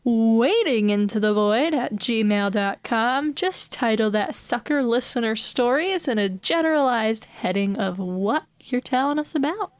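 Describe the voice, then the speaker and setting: A woman's voice: a little high, lively intonation, unhurried, few pauses, no echo. A young woman co-hosting a podcast from home, chatting casually and playfully, joking and laughing. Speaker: podcast co-host. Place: home bedroom.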